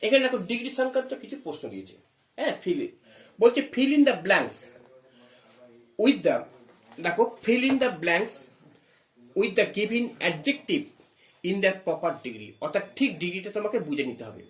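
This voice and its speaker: Man, English grammar teacher, lively pitch, echoey room, slow read-out English phrases. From West Bengal. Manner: explains step by step, spells words letter by letter, asks questions; reads English phrases slowly. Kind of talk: classroom grammar lesson.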